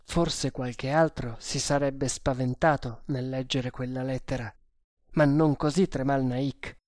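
A woman narrating an adventure novel in a measured, deliberate reading. Her voice is very low for a woman and unhurried, and the sound is dry and close with no room around it. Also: fairly even intonation, a little mellow, no room sound. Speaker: audiobook narrator.

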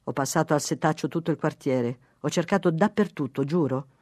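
A woman's voice: deep voice, brisk, a little mellow, no room sound, studio quality. A reader voicing a tired, irritated wife who keeps pressing her husband. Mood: insistent. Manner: nagging, insistent.

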